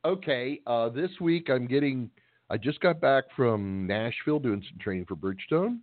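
Folksy middle-aged radio co-host on a phone line. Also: male voice, mid-range voice, animated, normal speed, no echo. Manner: rambling, folksy, joking. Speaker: co-host of a trucking call-in radio show. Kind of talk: casual radio banter. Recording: dry, tinny phone-line sound.

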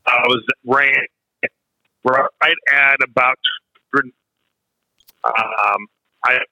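A man calling into a radio show from the road, his phone line breaking up as he talks in halting, broken-off phrases. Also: medium pitch, steady tone, vocal fry, sharp tone, no echo. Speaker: caller. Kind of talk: call-in radio chat. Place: driving over hilly ground.

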